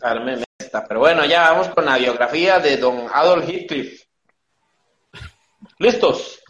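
A man's voice: a little high, measured pace, a bit bright, reverberant, muffled recording. A man with a Costa Rican accent hosting a casual, crude comedy podcast, joking his way through a mock lecture. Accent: Costa Rican Spanish. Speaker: podcast host.

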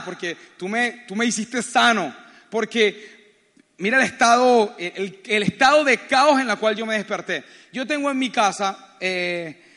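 A man preaching, telling a personal story with lively acted-out voices. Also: extremely high pitch, big-room sound. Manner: animated, acts out voices in his story. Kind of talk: sermon storytelling.

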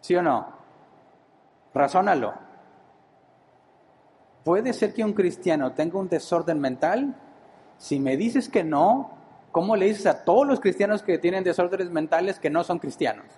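A man's voice: high-pitched, expressive, a little slow, long pauses, a little mellow, rough recording. Man preaching with rhetorical questions. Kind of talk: sermon-style teaching.

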